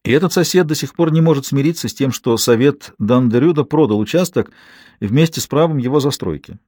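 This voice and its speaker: A man reading an audiobook, voicing an angry woman who shouts sharply and cuts people off. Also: mid-range voice, a little fast, dry recording, clean studio sound, voice pushed up, natural voice. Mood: explaining. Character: furious fiery woman, mid-argument. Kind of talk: audiobook character voice.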